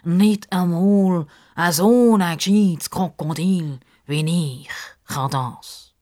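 Woman doing a pompous slow crocodile. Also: lowish voice, dark tone. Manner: slow, drawn-out, condescending. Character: pompous self-important male crocodile.

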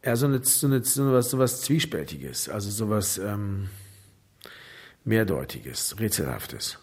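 A man answering interview questions in a halting way, restarting his sentences often. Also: lowish voice, big pitch swings, a little mellow, husky.

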